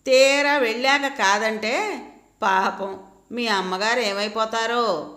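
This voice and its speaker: A woman's voice: a little high, slow pace, fairly bright tone. A woman voicing a scheming sister-in-law who talks in a sarcastic drawl, in an echoey room. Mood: mocking.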